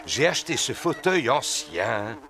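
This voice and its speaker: A man's voice: medium pitch, sing-song, measured pace. A man playing a jovial, self-assured daddy pig in a cartoon, hearty and theatrical. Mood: pleased. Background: loud music.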